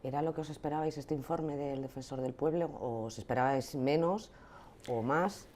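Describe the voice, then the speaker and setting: Measured interviewer with a mellow voice. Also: medium pitch, slight background noise. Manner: measured, asks questions with hesitations. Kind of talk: interview questions.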